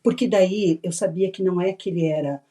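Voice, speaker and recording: A woman's voice: lowish voice, a little fast. A middle-aged woman from Brazil, a podcast guest, telling a personal story in a casual interview and acting out what people said. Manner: animated, acts out remembered dialogue, laughs often.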